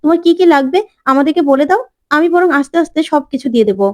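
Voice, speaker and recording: Give me a gentle, apologetic mother voiced by a woman, quick. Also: high-pitched, expressive, no echo. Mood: pleading. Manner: pleading, gentle. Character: humble apologetic middle-aged mother.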